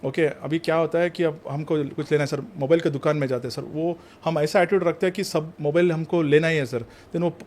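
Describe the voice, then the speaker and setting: A man with a somewhat high voice speaks as a numerologist and vastu consultant. He tells his stories earnestly, slips between Hindi and English phrases, and keeps calling his interviewer sir. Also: steady tone, brisk, few pauses, a little mellow, a little hiss or hum. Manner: addresses the host as sir in nearly every sentence. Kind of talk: earnest anecdotal storytelling.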